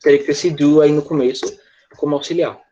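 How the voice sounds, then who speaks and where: A man with a Brazilian Portuguese accent teaching English in an online class, chatty and joking, slowing down to model English phrases. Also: on the high side, fairly even intonation, warm tone, dull audio, a little hiss or hum.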